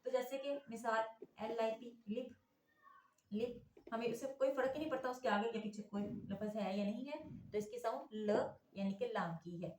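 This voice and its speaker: A woman teaching an English phonics lesson. She explains letter sounds, spells words out letter by letter and keeps checking in with a quick "theek hai na". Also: fairly high pitch, a little mellow, echoey room, rough recording.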